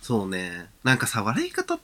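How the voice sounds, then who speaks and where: A man's voice: medium pitch, huge pitch swings, normal speed, sharp tone. A man co-hosting a podcast in casual chat, asking curious questions and giggling. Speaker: podcast co-host.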